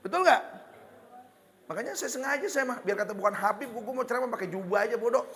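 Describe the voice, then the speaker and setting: High-pitched Betawi preacher, joking. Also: male voice, fast talker, big-room sound. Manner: lively and joking, slips into Betawi slang. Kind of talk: sermon. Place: hall with religious gathering.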